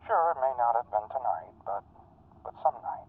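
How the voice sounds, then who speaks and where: An actor playing a cold, manipulative psychopath calling a crisis hotline, calm and probing with a quiet menace, heard over a phone line. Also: male voice, mid-range voice, moderate pace, creaky. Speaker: caller. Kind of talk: film drama acting. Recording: tinny phone line with faint noise.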